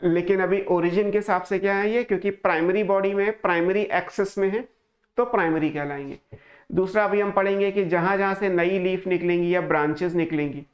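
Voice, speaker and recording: A male teacher with a high, steady voice gives an online lecture at a brisk pace, and the recording's highs are cut off. He explains things step by step, poses questions and answers them himself, mixing English phrases into his Hindi.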